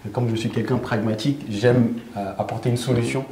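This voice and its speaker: Brief: mellow-voiced man in his forties, interview guest who keeps restarting sentences, recorded in an echoey room. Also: medium pitch, fast talker, slight background noise. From Senegal. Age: 40s. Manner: animated storyteller, frequent hesitations and restarts. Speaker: guest author. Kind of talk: interview answers.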